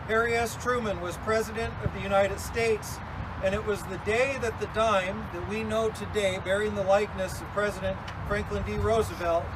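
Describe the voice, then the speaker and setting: A man officiating a funeral, delivering a eulogy in a conversational, folksy way with casual asides. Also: high-pitched. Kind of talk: eulogy at a graveside service. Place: outdoors at a graveside. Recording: clear outdoor noise, passing vehicles. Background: outdoor ambience and vehicle noise.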